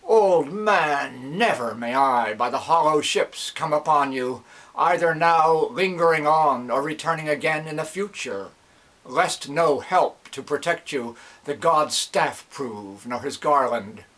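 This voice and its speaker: A male reciter takes on a proud, unyielding warrior king from an epic poem. He is stern and threatening, declaiming dactylic verse slowly in a slightly raised voice. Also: on the high side, a bit bright, poor audio. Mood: stern threat. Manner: stern, declamatory, metered delivery.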